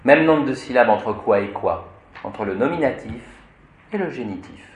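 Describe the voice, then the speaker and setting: A man, a priest, teaching a grammar lesson to a class, explaining word by word in a slow, deliberate way. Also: mid-range voice, expressive. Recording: echoey room.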